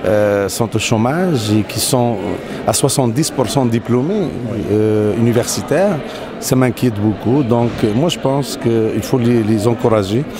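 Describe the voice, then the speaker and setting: A man from Morocco answers interview questions, pausing often and restarting his sentences. His voice sits at an ordinary pitch. A busy crowd murmurs behind him outdoors. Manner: hesitant, many fillers and restarts. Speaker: interviewee, company CEO. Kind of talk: casual interview conversation. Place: outdoors in a city.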